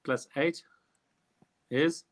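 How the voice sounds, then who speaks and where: A man's voice: a little high, fairly even intonation, extremely slow. A man, hosting a live online quiz in a chatty, rambling way with jokey asides. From South Africa. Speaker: quiz host. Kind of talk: casual live quiz chat.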